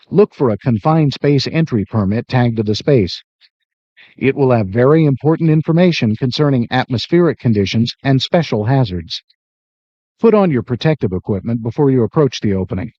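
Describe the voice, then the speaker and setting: A man reads scripted instructional narration in a measured way, like a training video narrator. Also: mid-range voice, dry recording. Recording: dull lo-fi worn videotape sound.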